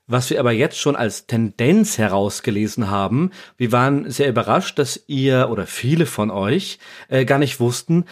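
A man with a slightly raspy voice, presenting as a podcast co-host in a scripted narrative style. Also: mid-range voice.

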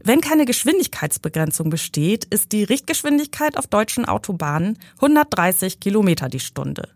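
A woman's voice: medium pitch, very animated, moderate pace, darkish tone, no room sound. A woman reading as a smug know-it-all young man. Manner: smooth, pedantic and condescending. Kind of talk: reading her novel aloud.

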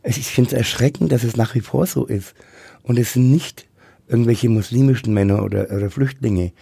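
A middle-aged man with a husky, gravelly voice, talking candidly and haltingly as an interview guest. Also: medium pitch, warm tone, no room sound. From Franconia, Germany. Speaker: interview guest, drag queen and queer activist.

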